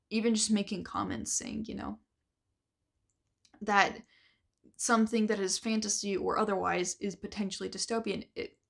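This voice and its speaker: A woman's voice: medium pitch, gravelly. A young woman author talking earnestly in a casual vlog, rambling with many fillers and losing her voice. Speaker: author and vlogger.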